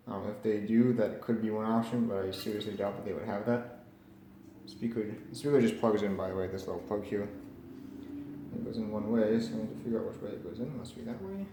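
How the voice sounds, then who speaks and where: A hobbyist radio repairer, a man with a fairly low, brisk voice, casually talks through a hands-on repair while thinking aloud in a tentative way. The recording has a roomy echo and faint background noise.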